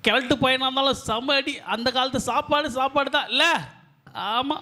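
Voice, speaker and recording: Puppet role: man playing a frantic, whiny delivery guy, very high, bright and sharp voice. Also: fairly even intonation, moderate pace. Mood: comic. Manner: loud, comic, frantic yelping and groaning. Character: bumbling comic delivery man searching for someone. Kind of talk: church puppet show.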